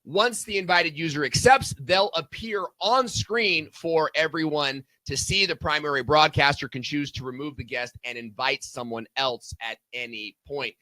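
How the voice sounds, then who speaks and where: A man's voice: a little high, normal speed, hardly any pauses, sharp tone, no echo. A man hosting a casual business talk show, chatting in a friendly, conversational way with fillers. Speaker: show host.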